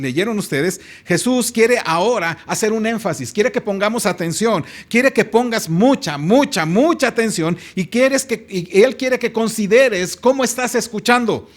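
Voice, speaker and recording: A man with a Mexican Spanish accent preaching a sermon in a church, stretching out key phrases and calling on the congregation to read along. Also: high-pitched. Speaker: pastor.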